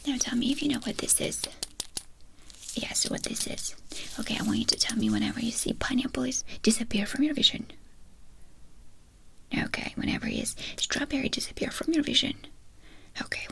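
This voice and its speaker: A woman whispering a fast, brisk ASMR whispered role-play as a medical examiner, giving short instructions and questions. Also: sits high, vocal fry, a bit bright, breathy edge.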